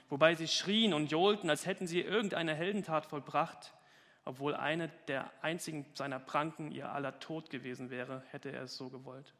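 Man, dramatic story reading, emphatic, fairly high voice, long hall reverb. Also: a bit bright. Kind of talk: expressive story reading in a talk.

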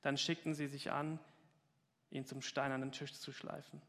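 A man's voice: medium pitch, little pitch movement, normal speed, a bit bright, long reverb tail. A man reading a story aloud with dramatic emphasis during a talk.

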